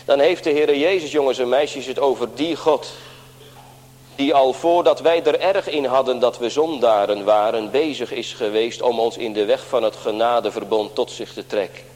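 A man's voice: medium pitch, moderate pace, darkish tone. A man pastor preaching an earnest sermon in a church, often turning to address the congregation directly. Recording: long church reverb.

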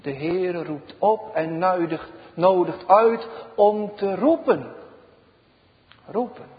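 A man preaching a sermon, slow and emphatic, his voice swelling loud and then dropping to a hush. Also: high-pitched. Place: church. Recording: dull reverberant church recording.

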